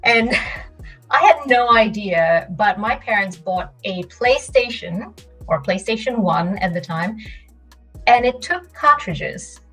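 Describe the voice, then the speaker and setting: A young woman from Malaysia tells her stories in a lively, easy way and often laughs. She sounds a little distant from the mic. Soft music plays underneath. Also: medium pitch, slow pace, husky. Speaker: podcast guest. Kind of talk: casual storytelling interview.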